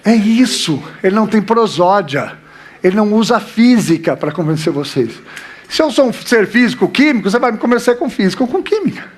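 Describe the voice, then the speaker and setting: Brazilian man, high voice, relaxed lecture, playful jokes, loud then soft. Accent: Brazilian Portuguese. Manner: playful, with crude jokes and rhetorical questions; deliberately shifts between loud and soft.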